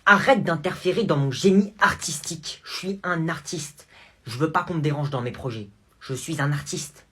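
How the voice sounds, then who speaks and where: A man with a husky voice playing a boastful boy who proudly declares he will quit school to become a painter, in a comedy skit. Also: a little high, normal speed, bright, forceful tone. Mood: grandiose. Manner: grandiose, self-important declarations.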